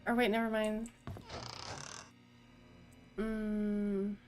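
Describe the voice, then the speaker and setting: A woman streaming a murder mystery game, chatting casually, reading diary notes aloud and greeting new subscribers with excitement. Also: medium pitch, very slow, faint music behind.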